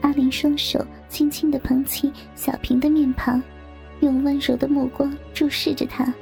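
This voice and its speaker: A woman narrating an erotic story in a hushed, half-whispered reading. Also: high-pitched, flat delivery, moderate pace, gravelly. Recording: faint background music.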